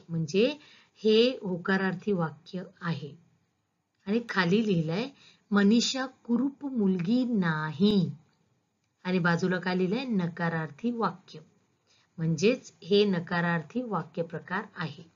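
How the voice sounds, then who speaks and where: A woman's voice: lowish voice, unhurried, highs cut off. A woman school teacher giving a patient, step-by-step grammar lesson, asking her students questions as she goes.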